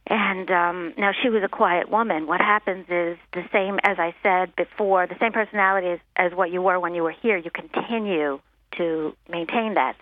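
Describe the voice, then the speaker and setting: A woman's voice: on the low side, dry recording. Woman medium on a tinny phone line. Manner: earnest, reassuring, fond of "you know". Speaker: medium, guest author. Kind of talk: phone-in interview. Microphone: telephone. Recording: narrow telephone line.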